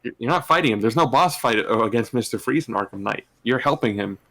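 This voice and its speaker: A man's voice: medium pitch, animated, quick pace, vocal fry, a bit bright. A man gushing as a fan in casual co-host chat, telling anecdotes in loose, slangy, sweary language. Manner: gushing, admiring fan talk. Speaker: podcast co-host. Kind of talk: casual chat about comics and games.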